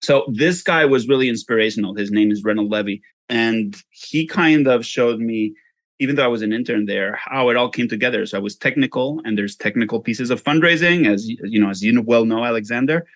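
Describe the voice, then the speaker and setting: Speaking briskly in a mid-range voice, this fundraising consultant from Spain is being interviewed as a guest. He has a Spanish accent, and there is no room sound. His answers are casual and self-deprecating, peppered with "you know."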